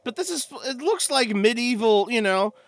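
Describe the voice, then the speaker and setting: A man's voice: very high-pitched, expressive, moderate pace. A man doing crude, sarcastic, exasperated video game commentary, swearing heavily as he rants. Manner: crude, profanity-laden, exasperated ranting. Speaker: game streamer, let's play host. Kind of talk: ranting game commentary with mocking voices.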